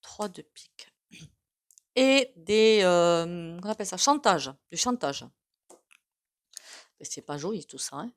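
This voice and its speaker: A woman's voice: lowish voice, lively intonation, takes it slowly, pauses often. A woman with a regional French accent giving a casual, rambling tarot reading, full of hesitations and asides. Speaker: tarot card reader.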